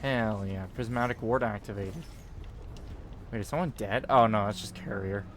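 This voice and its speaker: A man's voice: on the low side, normal speed, fairly bright tone, a little hiss or hum. Rambling sarcastic man streaming a game. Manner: rambling, sarcastic, swears freely. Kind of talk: casual gaming stream chat.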